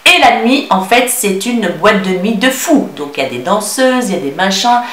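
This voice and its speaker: A woman's voice: mid-range voice, expressive, normal speed, a bit bright, roomy sound. A woman with a mixed Tunisian-Belgian French accent, a beauty vlogger answering viewer questions in a casual, affectionate chat full of hesitant fillers.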